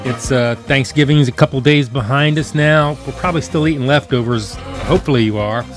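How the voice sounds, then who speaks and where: A man's voice: mid-range voice, fairly quick, music in the background. A man hosting a live stream in a casual, rambling, chatty way, talking directly to his viewers. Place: home studio.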